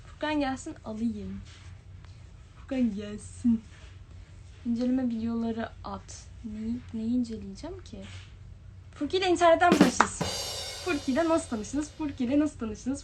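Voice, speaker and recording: A woman's voice: high voice, animated, normal speed, a little mellow, a little hiss or hum. Young woman chatting on a livestream. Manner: chatty, reads comments aloud then answers them. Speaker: livestream host. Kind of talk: casual live-stream chat reading viewer comments. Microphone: phone or webcam livestream.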